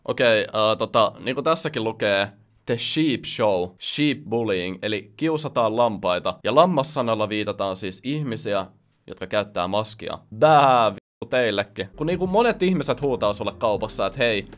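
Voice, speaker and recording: A man's voice: on the low side, expressive. Sarcastic young man reacting to clips. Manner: profane, mocking and sarcastic. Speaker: reaction video host. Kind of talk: casual reaction commentary.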